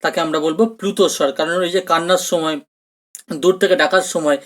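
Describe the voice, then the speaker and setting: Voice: mid-range voice, fairly even intonation, quick pace, fairly bright tone. A teacher gives a recorded exam-prep grammar lesson, explaining patiently, repeating each question and often checking in with students. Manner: mixes English terms into speech.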